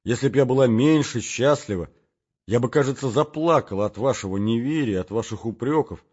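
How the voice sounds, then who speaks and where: Young emotional heroine, raised husky voice, rising and pleading, put on by a man narrator, dull recording. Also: medium pitch, brisk, darkish tone, close to an everyday voice. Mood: earnest. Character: young woman, excitable, emotional, affectionate.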